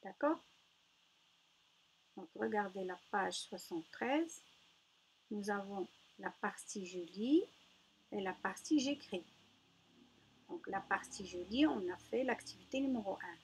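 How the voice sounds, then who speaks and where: A woman leads a children's reading lesson, slow, patient and encouraging as she counts out syllables. Her voice sits at an ordinary middle pitch. A faint hiss of background noise runs under the home recording. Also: animated. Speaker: primary school teacher.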